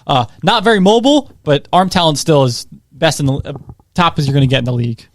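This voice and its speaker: A young man co-hosting a casual sports podcast, excitable and rambling with lots of "like" and "I think". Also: on the high side, quick pace, dry recording, studio quality. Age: young adult. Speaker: co-host.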